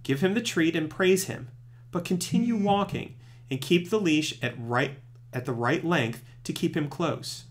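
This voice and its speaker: Male presenter for scripted tutorial narration. Strongly varied intonation, pitch a touch above average, clear instructional delivery. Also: lively intonation, unhurried. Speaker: presenter of puppy training tips.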